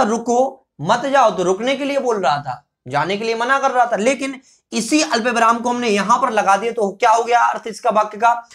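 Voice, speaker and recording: Guy doing a grammar lesson, asks himself questions n answers them, says the examples real slow. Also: extremely high pitch, a bit bright. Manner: repeats example sentences slowly. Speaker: teacher.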